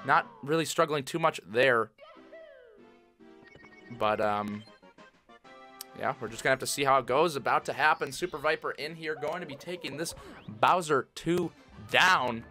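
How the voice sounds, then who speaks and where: Young male esports caller, hype and jokey, bright tone. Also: medium pitch, normal speed, pauses often, faint music behind. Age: young adult. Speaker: commentator. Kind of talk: casual esports commentary.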